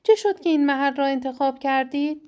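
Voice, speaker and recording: Blunt self-assured woman, matter-of-fact, fairly high voice, mellow tone, as a woman reads her. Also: close to an everyday voice. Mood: firm.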